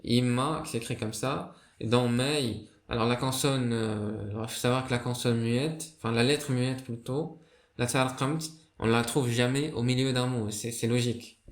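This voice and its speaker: A man's voice: medium pitch, steady tone, normal speed. A man giving a casual spoken lesson on a writing system, hesitant and full of fillers and restarts. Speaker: video creator explaining a writing system. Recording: roomy echo.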